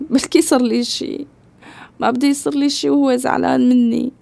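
A woman playing a gravelly-voiced nervous sick girl. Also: sits high, little pitch movement, moderate pace. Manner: nervous, laughing, pleading. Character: frightened young woman sick in bed. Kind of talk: domestic drama acting.

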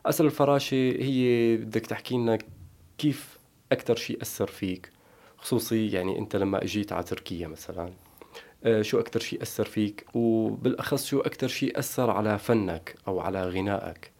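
Male interview host, Syrian Arabic accent, rapid conversational delivery, lowish pitch. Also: creaky, darkish tone.

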